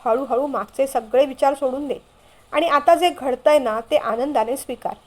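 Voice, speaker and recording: Brief: a woman reading a playful teasing younger brother, light and high. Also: moderate pace, darkish tone, lightly acted.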